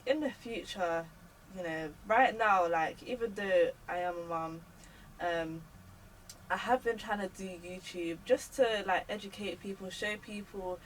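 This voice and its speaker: A woman's voice: mid-range voice, unhurried. Young woman, chatty podcast guest, mic a bit far off, faint hiss. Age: young adult. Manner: chatty, lots of fillers. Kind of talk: casual chat.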